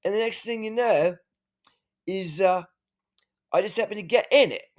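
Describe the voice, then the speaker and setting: Rambling high-voiced man telling a wild story. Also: moderate pace. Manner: rambling, many fillers and tag questions. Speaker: father telling an adventure.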